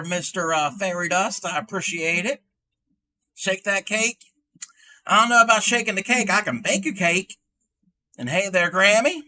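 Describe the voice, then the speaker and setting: A man playing a chatty ninety-year-old grandmother who hosts a livestream, rambling folksily and halting with fillers. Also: high-pitched, sharp tone, exaggerated voice. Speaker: livestream host showing crochet. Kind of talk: in-character livestream chat.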